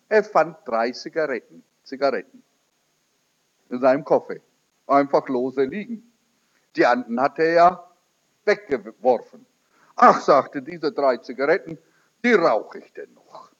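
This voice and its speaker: A man preaching a sermon, telling a testimony as a story and quoting the people in it. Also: fairly bright tone. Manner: storytelling, quoting in lowered voice, rising emphatic peaks. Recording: dull lo-fi recording.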